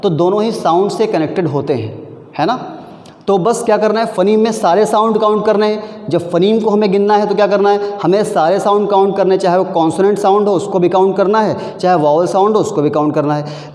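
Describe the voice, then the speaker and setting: A man's voice: sits high, darkish tone. A man teaching a recorded exam-prep lesson, mixing Hindi and English, patiently asking questions and answering them himself. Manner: mixes Hindi with English, patient, addresses students as beta. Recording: echoey room.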